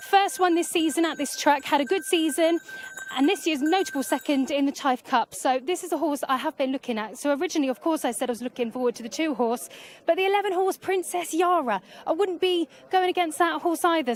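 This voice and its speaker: A woman reporting live from a racecourse parade ring, chatting through her views on the horses as they walk past, a little out of breath. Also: high-pitched. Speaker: paddock reporter.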